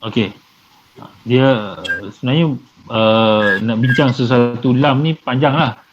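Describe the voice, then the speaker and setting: A man's voice: medium pitch, takes it slowly. A man teaching Arabic grammar to a live class, patiently repeating and translating terms with many fillers. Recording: dull lo-fi with faint noise.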